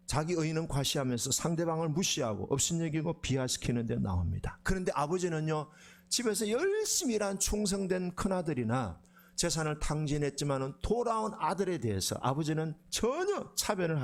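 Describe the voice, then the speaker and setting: A male pastor preaches a sermon with lively, conversational energy. His voice sits high for a man and swings widely, and he keeps asking the congregation questions.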